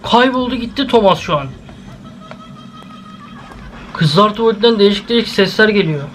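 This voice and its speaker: A man's voice: high-pitched, a little fast, soft background music. A young man with a Turkish accent hosting a casual horror reaction vlog at home, talking straight to his viewers and crying out at every scare. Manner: excitable, jumpy, exclaiming at scares; addresses viewers directly. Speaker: YouTuber host. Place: at home, indoors. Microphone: camera set up in the room.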